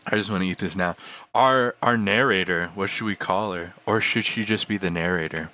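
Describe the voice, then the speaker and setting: Bright-voiced joking male podcast co-host. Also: low-pitched, brisk. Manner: joking, laughs often, does mock quotes. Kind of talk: casual comedic chat.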